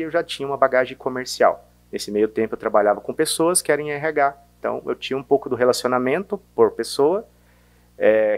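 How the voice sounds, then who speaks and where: A man from Minas Gerais with a softened Mineiro accent, talking casually as a sales guest, hesitant with many restarts and fillers. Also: mid-range voice. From Minas Gerais, Brazil. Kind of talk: casual interview chat.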